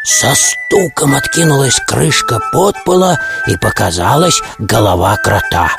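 Male storyteller for a children's fairy tale, slow and gravelly, music behind. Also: mid-range voice. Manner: animated, expressive.

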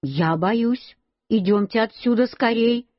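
A woman doing a fretful, excitable mother. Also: on the high side, slow pace, no echo. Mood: anxious. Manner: anxious, exclaiming. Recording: dull lo-fi dry recording.

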